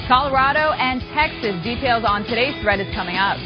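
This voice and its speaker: A woman's voice: on the high side, lively intonation, fairly quick, over music. A woman giving a cheerful, chatty weather forecast on a morning TV show, joking with the host. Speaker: meteorologist co-host. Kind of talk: bubbly weather forecast with banter. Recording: dull lo-fi TV broadcast audio.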